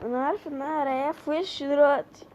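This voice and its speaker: An Egyptian woman talks her viewers through a horror game in a chatty, jumpy way. Her voice sits high. The recording is a little dull, with a faint hiss underneath. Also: fairly even intonation, rapid-fire, a little mellow. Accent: Egyptian Arabic. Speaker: gaming creator. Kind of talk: horror game let's play commentary.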